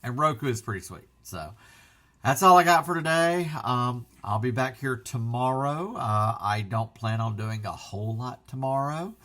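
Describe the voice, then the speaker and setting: A man chats casually as a vlog host. His voice is bright and forward at a middling pitch, and he talks in an excitable, rambling way, cutting himself off mid-thought. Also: normal speed. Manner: excitable, rambling, self-interrupting. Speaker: physical media channel host.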